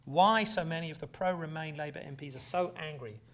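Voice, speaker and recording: A man's voice: fairly high pitch, fairly quick, fairly bright tone. A middle-aged English man giving a university lecture in a conversational way, with wry asides. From England. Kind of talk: academic lecture. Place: lecture hall.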